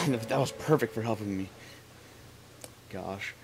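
A man's voice: medium pitch, lively intonation, measured pace, slight background noise. A young man with a lisp giving rambling, joking commentary as he plays a video game. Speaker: let's play commentator. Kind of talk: casual gameplay commentary.

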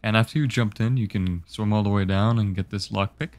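A young man with a fairly low, slightly mellow voice narrates a game guide, walking through each step in an easygoing, instructive, unhurried way. Faint music plays behind him.

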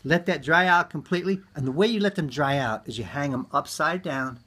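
Guy with a kinda high voice showing how to do garden stuff, casual and folksy, lots of um and uh. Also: fairly quick, bright, forceful tone. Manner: folksy, chatty, many ums and uhs. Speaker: gardening teacher. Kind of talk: casual hands-on demonstration.

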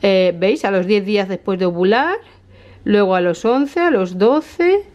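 A woman in her thirties with a Spain Spanish accent, chatting excitedly to camera in a casual vlog. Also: mid-range voice, normal speed, muffled recording. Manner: chatty and excitable, often laughing. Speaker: vlogger.

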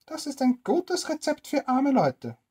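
A reader putting on a greedy, stingy old woman for a bedtime storybook tale, with a shrill, high, complaining voice. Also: wildly swooping pitch, a little slow, warm tone, heavily acted. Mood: suspicious.

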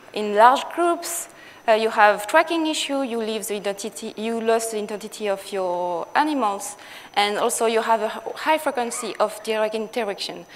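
A woman with a French accent giving a scientific conference talk, with many fillers and restarts. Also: a little high. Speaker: conference speaker. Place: lecture hall. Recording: long hall reverb with faint noise.

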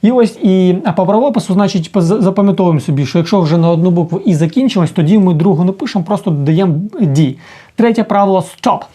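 A man teaching a casual video lesson as an English teacher, explaining slowly and often checking in with the listener. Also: sits high, dark tone.

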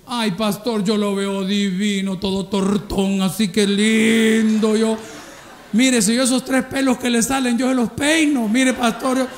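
A man's voice: high voice, flat delivery, unhurried, voice pushed up. A man voicing a middle-aged churchwoman who dotes on her husband with exaggerated sweetness, as a comic aside in a sermon. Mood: gushing.

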